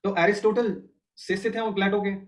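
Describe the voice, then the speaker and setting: Higher-voiced man teaching an online class. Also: flat delivery, brisk. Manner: explains step by step, keeps checking students follow.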